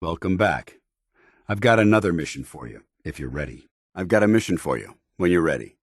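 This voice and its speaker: A stern, loyal paladin soldier in a video game. His voice is deep and gruff, a little husky, recorded dry and close. He speaks in clipped, commanding, formal military phrases. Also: expressive, fairly quick, dry recording. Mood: measured approval. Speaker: military companion character.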